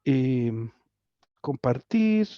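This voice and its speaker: A man's voice: mid-range voice, lively intonation, drawn-out words, no room sound. A man with a Chilean accent teaching a history class online, talking conversationally with frequent tag questions and restarts. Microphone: computer mic on a video call. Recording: dry, slightly dull video call audio.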